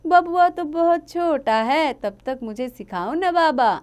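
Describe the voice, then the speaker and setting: A woman's voice: sits high, expressive, a little slow, darkish tone, voice pushed up. A woman voicing an eager pleading young girl. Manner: pleading, insistent. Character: eager twelve-year-old village girl.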